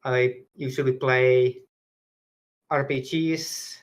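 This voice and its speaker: A player from Finland, giving a brief, unhurried introduction. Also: medium pitch, fairly even intonation.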